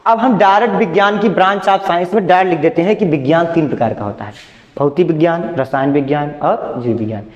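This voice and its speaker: A man's voice: a little high, brisk. A male chemistry teacher giving a classroom lecture. He repeats key terms and asks questions that he answers himself. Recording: echoey classroom, muffled sound.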